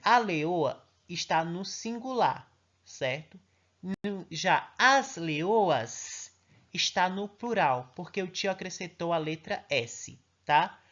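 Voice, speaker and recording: A male primary teacher talks young children through an online grammar lesson. He reads each example slowly and emphatically, then keeps asking the class short check-in questions. The recording is muffled and lo-fi. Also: high voice, animated, a bit bright.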